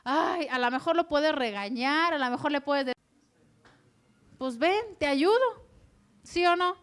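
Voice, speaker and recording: A woman delivers an animated sermon in a high voice. She keeps turning to her listeners with questions and lively asides. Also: a little slow. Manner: animated, asks the audience questions. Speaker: preacher.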